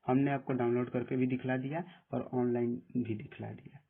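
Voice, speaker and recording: Tutorial presenter: husky man, flat delivery, tinny phone-like audio, plain step-by-step walkthrough. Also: medium pitch, moderate pace. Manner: plain step-by-step instructions, often saying "dekhiye". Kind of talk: screen-recorded app tutorial.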